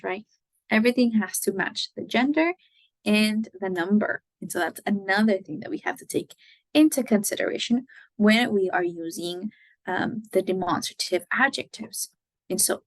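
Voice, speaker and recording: A woman teaching Spanish grammar, giving example sentences slowly and checking in with "right?" as she goes. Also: medium pitch, vocal fry, no echo, poor audio. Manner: slow, careful model sentences, frequent "right?" checks. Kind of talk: explaining grammar.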